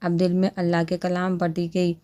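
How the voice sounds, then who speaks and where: A woman's voice: lowish voice, moderate pace. Woman narrating a romance novel. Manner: steady storytelling.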